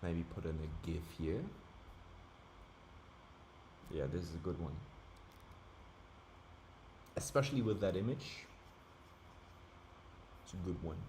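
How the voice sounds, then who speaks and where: A young man from Germany speaks in a deep, dark, animated voice at a slow pace with long pauses, over slight background noise. His German accent carries traces of British and American sounds as he chats casually and thinks aloud during a live stream.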